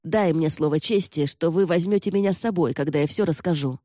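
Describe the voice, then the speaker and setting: A woman's voice: low-pitched, fairly quick, dark tone, dry recording, clean studio sound, close to an everyday voice. Woman voicing a whiny captured thief. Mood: bargaining. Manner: whiny, begging. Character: captured young male thief, pleading then cold.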